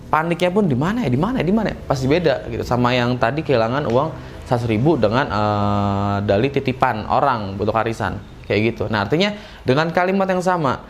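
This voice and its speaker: A man talks through an acting lesson in a loose, conversational way. His voice sits at an ordinary middle pitch. A faint hiss of noise runs under his voice. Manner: relaxed and chatty, acts out short emotional examples. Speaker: acting teacher. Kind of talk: casual classroom-style lesson.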